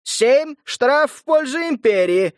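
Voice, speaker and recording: A man voicing a male court herald who bellows proclamations in a shrill, ringing voice. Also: expressive, unhurried, no room sound, clean studio sound. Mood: proclaiming. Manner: shrieking, booming proclamations.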